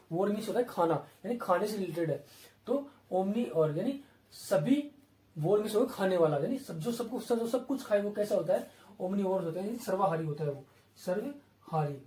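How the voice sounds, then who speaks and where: High-voiced man teaching, echoey room. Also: dark tone. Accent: Indian English. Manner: repetitive, asks and answers his own questions. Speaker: English vocabulary teacher. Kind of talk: exam-prep lesson. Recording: roomy, from a distance.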